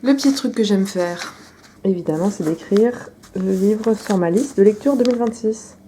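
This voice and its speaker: A woman's voice: medium pitch, moderate pace, mellow, a little hiss or hum. A young woman talking through her day in a casual, chatty vlog voice-over, confiding and full of small hesitations. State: suffering from allergies. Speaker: vlogger and aspiring comic artist.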